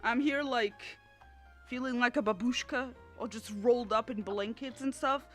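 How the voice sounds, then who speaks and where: A woman in her twenties from Portugal, streaming casual chat through a headset, animated, laughing and swearing freely. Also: on the high side, normal speed, faint music behind. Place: cold room at home.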